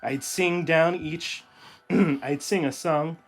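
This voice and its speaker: A man's voice: a little high, steady tone, slow, faint music behind. A man co-hosting a podcast, chatting casually with jokes and easy laughter, then reading a horror story. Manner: joking, laughs easily between lines. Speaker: podcast co-host.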